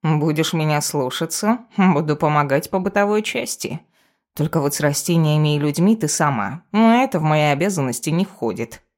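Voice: medium pitch, expressive, moderate pace, lightly acted. A reader voicing a self-important male talking cat familiar who grumbles and lectures his mistress in an audiobook. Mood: bossy, lecturing. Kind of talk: audiobook character voice.

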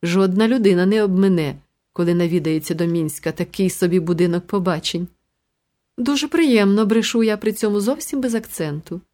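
A woman reads a novel aloud in the first person. Her telling is wry and ironic. Her voice sits at an ordinary middle pitch. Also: lively intonation, a little fast, dark tone. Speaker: audiobook narrator. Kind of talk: first-person audiobook narration.

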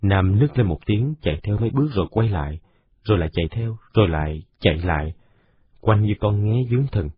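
A man narrating a children's story in a steady, unhurried way. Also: lowish voice. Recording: dull lo-fi recording.

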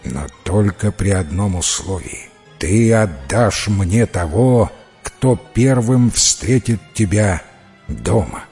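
Deep growling wolf, slow menacing delivery, fairy-tale storybook beast, read by a man. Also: animated, a little mellow, breathy edge, faint music behind, exaggerated voice. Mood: commanding.

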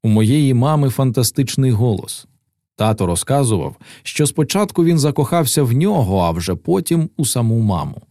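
A man narrating a first-person audiobook passage in a calm, reflective way. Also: medium pitch, normal speed, no echo, studio quality.

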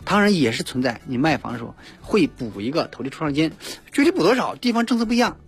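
A man's voice: on the high side, big pitch swings, fast, husky, faint music behind. A man giving spontaneous legal advice as a radio guest, emphatic and repeating himself.

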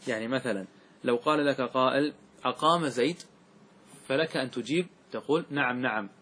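A man teaching Arabic grammar to a class, explaining step by step, slowly reciting verse lines and asking quick check questions. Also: mid-range voice, a bit bright, slight background noise.

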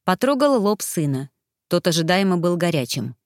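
Woman reading an audiobook, low voice, dry close sound. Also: very animated, normal speed, a little mellow, no echo. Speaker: audiobook narrator. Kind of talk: scripted narration.

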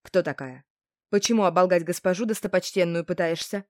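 A woman voicing a gruff male city guard from a storybook, speaking through the nose and barking orders. His voice comes out loud and blustering. The recording is close and dry. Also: on the low side, fairly quick, dry recording, natural voice. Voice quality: nasal.

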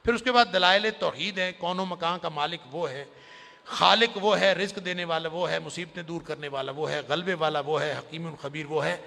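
A man giving a sermon-style summary of the Quran, impassioned, swinging from loud emphasis to near-whisper. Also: on the high side, vocal fry. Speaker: Quran scholar and preacher. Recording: long hall reverb.

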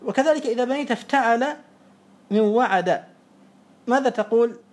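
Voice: medium pitch, normal speed, a little mellow. A teacher giving a classroom lesson, explaining step by step, repeating each example and putting questions to a student.

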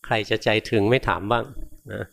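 A male Buddhist monk teaching in a casual, explanatory sermon style, often ending phrases with a soft particle and sometimes acting out inner thoughts in brief asides. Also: normal speed. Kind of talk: conversational Dhamma sermon.

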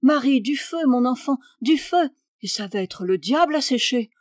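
A high-strung, imperious baroness who scolds and exclaims at every turn, as a woman reader puts her on. Her voice pitches up sharply and pushes loud when she is outraged. The reading is close and dry, with no room sound. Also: expressive, moderate pace, dry recording. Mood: fussy. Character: fussy, imperious aristocratic aunt, a baroness.

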